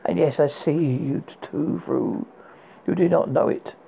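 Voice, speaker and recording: A man's voice: fairly high pitch, vocal fry, dark tone, a little hiss or hum, poor audio. A man doing a cold, menacing enchantress. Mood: scornful. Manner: cool, slow, threatening.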